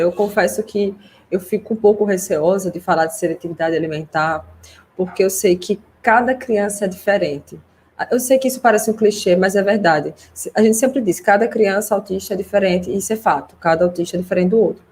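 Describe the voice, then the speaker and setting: A woman's voice: medium pitch, fairly quick, darkish tone, a little hiss or hum. A woman host and speech therapist giving a casual, reassuring consultation over a video call, talking freely with lots of fillers. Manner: chatty, reassuring, many fillers like "né".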